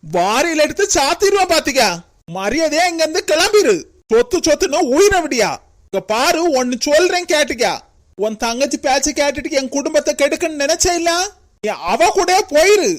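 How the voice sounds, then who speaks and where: In cartoon voice acting, a woman with a high-pitched, animated voice and moderate pace plays the family's adult older brother. Using a Kanyakumari Tamil accent, she moves emotionally from remorseful pleading to stern scolding.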